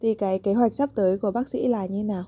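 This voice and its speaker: A woman hosting a radio program, reading scripted narration and asking questions in a polite, measured way. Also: medium pitch, mellow, slightly rough.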